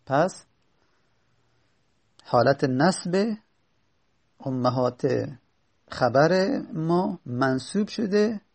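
A man teaching a grammar lesson, patiently explaining and repeating examples slowly. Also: mid-range voice, creaky, breathy edge.

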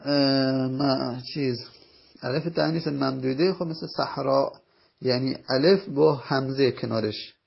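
A man teaching Arabic grammar in a recorded lesson, explaining patiently and slowly, repeating each example word. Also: mid-range voice, gravelly, breathy edge. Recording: dull lo-fi recording.

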